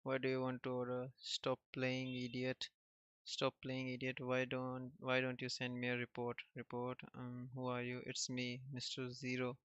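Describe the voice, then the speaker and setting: A man reads a comic aloud in a casual way, speaking every character's lines in one near-monotone voice and chuckling often between panels. His voice sounds smooth and clear. The recording is dry and a little dull. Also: mid-range voice, normal speed, dry recording. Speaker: manga reader.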